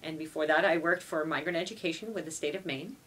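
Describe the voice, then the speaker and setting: A woman from Montreal, Canada, a native French speaker, answers interview questions as a foreign language teacher, earnest and dotting her speech with "you know." Her low-pitched voice is husky with a fairly bright tone, she speaks fast, and the recording is rough.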